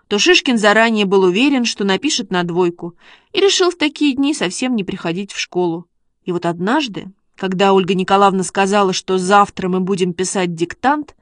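A woman narrating a children's story in a steady, measured reading. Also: mid-range voice, no room sound, clean studio sound. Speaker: audiobook reader.

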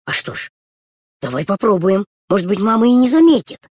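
A woman voicing a bossy, quick-witted little girl who gives orders in a high childlike voice. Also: sing-song, darkish tone, no room sound, studio quality. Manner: bossy, coaxing, fast childlike talk.

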